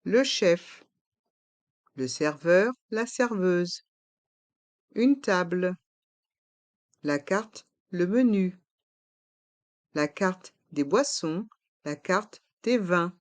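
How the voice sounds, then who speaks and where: A teacher leads a pronunciation lesson, shaping each word with deliberate care and saying it again and again. The delivery is very slow and measured, at a middling pitch. The recording is dry and close, with no room sound. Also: lively intonation, no echo. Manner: carefully articulated, drills each word several times.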